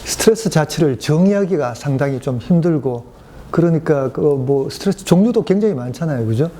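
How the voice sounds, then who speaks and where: A man's voice: fairly high pitch, animated, a little fast, warm tone, slight background noise. A middle-aged man, a cardiologist, explaining stress and heart disease on a medical talk show, telling cases with many fillers.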